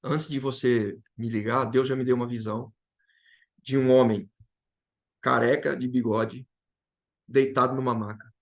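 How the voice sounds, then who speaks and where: A man's voice: mid-range voice, fairly even intonation, unhurried, gravelly, pauses often. A man from Brazil sharing an emotional personal testimony as a guest, retelling dialogue and repeating key phrases.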